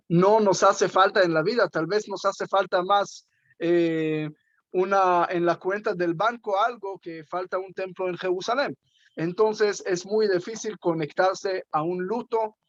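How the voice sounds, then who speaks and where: A man, a rabbi, giving a spoken teaching talk in a measured way, pausing often and asking rhetorical questions. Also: high voice, dry recording, highs cut off.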